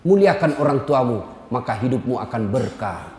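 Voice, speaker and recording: A man's voice: mid-range voice, lively intonation, normal speed, darkish tone. A middle-aged man preaching a humorous sermon, teasing and addressing his audience directly. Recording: echoey hall with long reverb.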